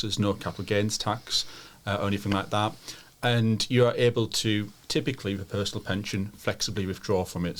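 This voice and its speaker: A man speaking as an adviser on a podcast, explaining technical points informally and methodically. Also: fairly low pitch. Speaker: financial adviser, podcast guest.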